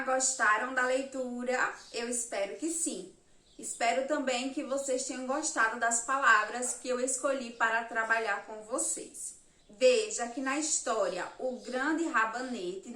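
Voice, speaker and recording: A woman from Brazil teaches young children in a recorded remote lesson. Her voice is high and bright, and she takes her time. She speaks straight to the class and breaks words into slow, clear syllables. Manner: addresses the class directly. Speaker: primary school teacher. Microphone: video lesson recording.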